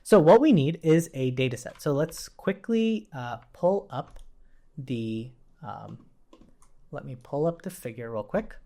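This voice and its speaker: This man, a programming instructor, speaks in a mellow, medium-pitched and expressive voice at a measured pace. He's running an informal coding tutorial indoors at his computer, typing as he thinks aloud, repeating himself and checking in as he goes.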